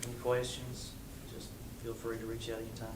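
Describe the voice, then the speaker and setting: A plain-spoken man from southwest Virginia talking haltingly and informally as a utility contractor at a meeting. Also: mid-range voice, completely flat delivery. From southwest Virginia area. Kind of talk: informal self-introduction and answers at a meeting. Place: indoor council meeting room. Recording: echoey room with clear background noise.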